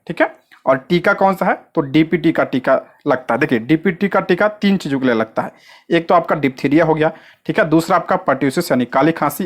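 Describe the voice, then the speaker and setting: Exam-prep tutor, mid-pitched, drills facts in quick self-answered questions with frequent check-ins. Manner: asks rhetorical questions and answers them at once; repeats short check-ins and stresses key points. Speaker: exam coaching teacher.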